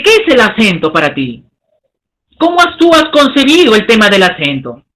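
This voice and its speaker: Bright-voiced man teaching a lesson. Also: extremely high pitch, rough recording. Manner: emphatic, asks rhetorical questions, stresses syllables slowly. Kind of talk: recorded lesson.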